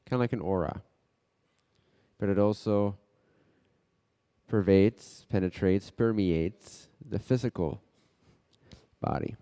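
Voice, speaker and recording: A male meditation teacher guides a session in short, unhurried phrases, pausing between each. His fairly low voice is warm, clear and resonant, and the recording carries a long, reverberant echo.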